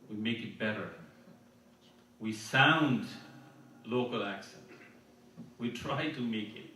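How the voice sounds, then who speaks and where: Speaking at an Islamic conference, this man's voice sits on the low side and sounds pushed and bright. His sermon echoes heavily through a mosque hall, captured from a distance with slight background noise. He is earnest, restarting and repeating phrases, and moves quickly through Arabic verses.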